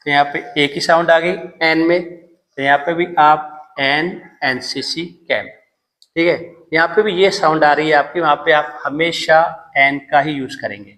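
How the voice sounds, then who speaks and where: Slow-speaking Hindi-accented grammar teacher. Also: male voice, fairly high pitch, fairly bright tone, low-quality recording. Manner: patient, repeats each point with "theek hai". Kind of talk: classroom grammar lesson.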